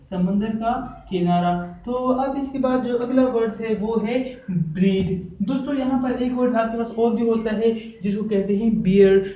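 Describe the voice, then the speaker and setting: A male teacher with a high but mellow voice gives a spoken vocabulary lesson in an echoey room. He repeats each word slowly, then asks himself what it means and answers. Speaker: English teacher, channel host.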